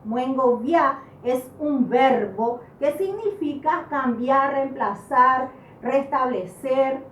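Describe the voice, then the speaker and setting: Slow, high-voiced woman teaching a lesson. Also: far from the mic. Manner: slow, deliberate, stresses example words. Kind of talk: spoken grammar lesson. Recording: roomy sound from off-mic with faint background noise.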